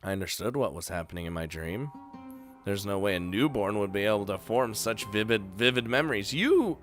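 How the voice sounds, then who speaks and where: A man with a fairly low voice reads a game's narration aloud as he plays. He keeps cutting in with laughing, excited reactions. Quiet music plays under his voice. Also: brisk. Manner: animated, laughs often, reacts loudly and jokes. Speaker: game streamer. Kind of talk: let's play, reading game text aloud with commentary.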